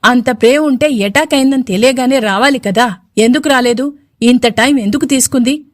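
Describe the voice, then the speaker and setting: A woman voicing a sharp-tongued, scheming middle-aged mother in a storybook, speaking reproachfully. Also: high voice, a little fast, no room sound, clean studio sound, close to an everyday voice. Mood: sarcastic.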